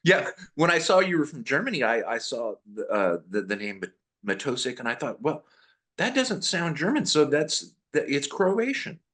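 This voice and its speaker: A man's voice: on the high side, big pitch swings, normal speed, a bit bright. A man hosting an interview, upbeat and chatty, with lots of short replies like "okay". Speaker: host.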